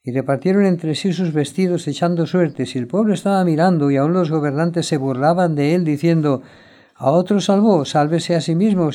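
A man preaching a sermon, reading Bible passages aloud and rising louder on the quoted cries of the crowd. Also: on the high side.

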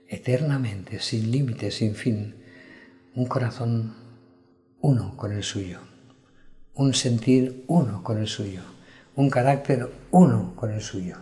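A man's voice: lowish voice, dark tone. A man preaching a sermon in an earnest, reflective way, often checking in with his listeners. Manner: earnest, reflective, frequent "¿verdad?" asides.

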